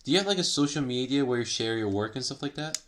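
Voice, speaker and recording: A man's voice: medium pitch, expressive, moderate pace, fairly bright tone, slight background noise. A man chatting casually on a live stream while he works on a hobby project, switching between Japanese and English, politely greeting viewers by name. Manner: switches between Japanese and English, many fillers, laughs often.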